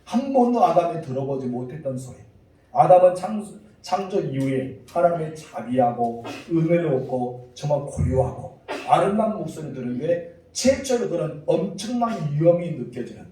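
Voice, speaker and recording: Pastor guy preaching, kinda high mellow voice, roomy church echo, sounds far from the mic. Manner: preaching with acted calls and sudden shouts. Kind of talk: sermon. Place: church sanctuary. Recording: echoey church hall, mic at a distance.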